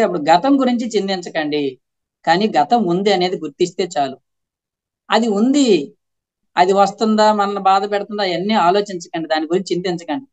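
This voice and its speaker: A man with a Telugu accent, a spiritual teacher giving a casual talk that answers questions and acts out quoted voices. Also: high-pitched.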